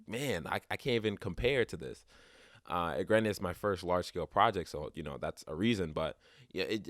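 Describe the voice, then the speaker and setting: This young podcast host has a deep voice and chats casually on his solo show, rambling with frequent restarts and fillers while sounding slightly congested and sniffly. He's recorded on a close podcast mic with clean studio sound and no room ambience.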